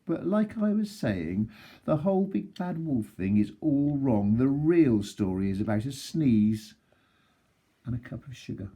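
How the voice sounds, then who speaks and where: A husky, mellow storybook wolf, acted out by a man reading aloud who pleads his own innocence. He is folksy and aggrieved, with pitch that swings in a lively, animated way. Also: a little slow. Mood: self-justifying. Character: self-justifying, folksy wolf telling his side. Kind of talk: expressive children's storybook read-aloud.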